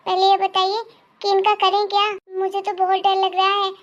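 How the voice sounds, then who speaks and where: A timid younger daughter-in-law from a cartoon, always fearful, as a woman voices her. She talks nervously in a very high, thin voice. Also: completely flat delivery, normal speed, dull audio. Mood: anxious. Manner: nervous, anxious. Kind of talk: cartoon voice acting.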